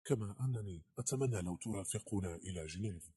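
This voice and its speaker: A man voicing an earnest young woman who speaks softly and hesitantly in a storybook reading. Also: lowish voice, fast, breathy edge. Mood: tender.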